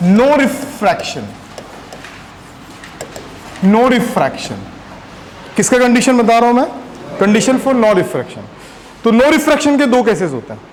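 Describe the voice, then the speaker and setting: A man's voice: very high voice, a little hiss or hum, rough recording. A man teaching physics in a classroom, often firing questions at his students. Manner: questioning the class often, mixing in English terms. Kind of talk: classroom lecture.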